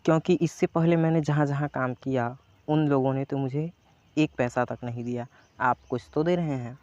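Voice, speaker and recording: A man's voice: mid-range voice, fairly even intonation, a little fast, gravelly, dark tone, no echo, lightly acted. A male teacher voicing a frightened young maid who answers timidly in a trembling voice. The recording is slightly dull.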